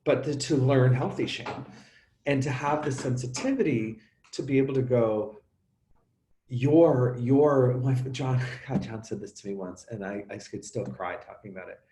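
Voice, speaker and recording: A middle-aged man talking openly as an interview guest, animated and halting, often restarting and acting out sounds. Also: medium pitch, echoey room, a little hiss or hum. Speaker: actor and coach, interview guest. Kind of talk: emotional conversational interview.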